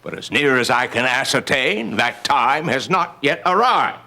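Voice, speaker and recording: Give me a stern, commanding middle-aged father in a soap opera. His voice is bright and sharp, and it swings widely up and down as he scolds. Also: mid-range voice, animated, a little slow, exaggerated voice. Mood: scolding.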